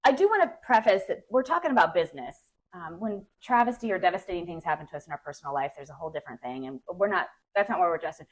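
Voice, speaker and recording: A woman's voice: on the low side, lively intonation, rapid-fire, rough recording. A woman co-hosting a casual podcast, chatty and talking straight to listeners as y'all. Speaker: podcast co-host.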